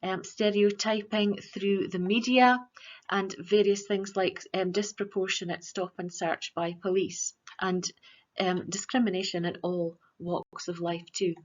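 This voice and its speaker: A woman's voice: medium pitch, level tone. Earnest woman, dull lo-fi recording. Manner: earnest, measured, with frequent ums. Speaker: teacher giving a school assembly. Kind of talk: presenting a virtual school assembly.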